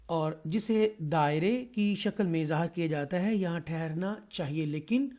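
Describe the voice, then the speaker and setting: Male Quran teacher from Pakistan, soft dark tone, patient and careful, lots of hesitant fillers. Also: fairly high pitch. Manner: explains slowly and carefully, with many drawn-out "aa" fillers. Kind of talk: online Quran lesson.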